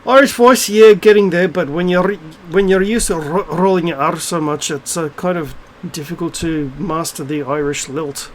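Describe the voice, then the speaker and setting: A man's voice: a little high, normal speed, hardly any pauses, a little hiss or hum, rough recording. A middle-aged man in an unscripted, ranting video monologue, blunt and profane, rambling with many fillers and restarts. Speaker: video blogger.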